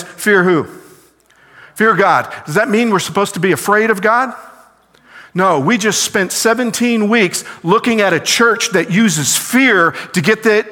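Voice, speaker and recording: A man's voice: high-pitched, sharp tone, long reverb tail. A man preaching a sermon who poses questions to the congregation and answers them himself.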